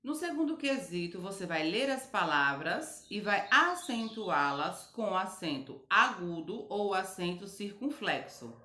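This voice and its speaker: A woman teacher giving a recorded grammar lesson to children, slowly and patiently spelling out each word. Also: mid-range voice, big pitch swings, pushed and bright, echoey room. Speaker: primary school teacher.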